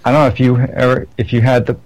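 A man's voice: mid-range voice, little pitch movement, quick pace, darkish tone, dry recording, poor audio. A man chatting casually on a podcast, rambling through stories with many restarts and self-corrections. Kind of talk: casual chat.

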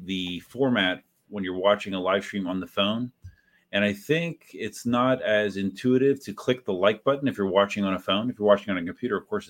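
A man hosting a livestream, chatting casually, rambling and correcting himself as he reads out viewers' messages after a few drinks. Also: lowish voice. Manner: rambling and self-correcting, talks to viewers by name. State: has had a few drinks. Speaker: livestream host.

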